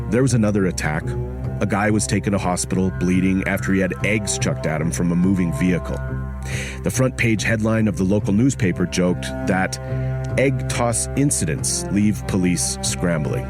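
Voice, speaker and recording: Low-voiced man narrating a documentary. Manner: grave, measured. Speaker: documentary podcast host. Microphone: studio mic.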